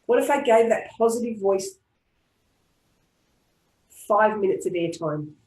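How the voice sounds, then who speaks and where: Australian woman calmly guiding a tapping session. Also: medium pitch, unhurried. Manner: calm, repetitive affirmation-style phrasing. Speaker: EFT tapping practitioner. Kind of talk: guided group tapping session. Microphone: online video call. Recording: roomy echo.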